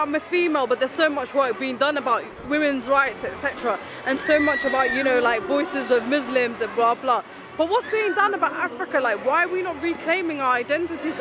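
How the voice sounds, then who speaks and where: A woman in a casual street interview, talking eagerly and at length. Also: high-pitched. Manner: eager, animated, talkative. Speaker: interviewee, freelance journalist. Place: outdoors at a festival. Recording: outdoor crowd and noise behind.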